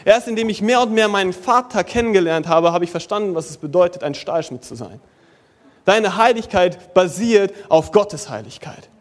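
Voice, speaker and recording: High-voiced young man preaching casually. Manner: casual youthful preaching, mixing in English slang, shifting from lively to soft and slow. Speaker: pastor. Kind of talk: sermon.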